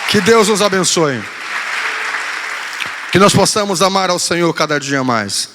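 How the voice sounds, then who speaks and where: A man's voice: high-pitched, expressive, measured pace, in a large hall, a crowd in the background, background noise. A male pastor preaching a sermon, telling a story in a playful way and acting out quotes. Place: church hall.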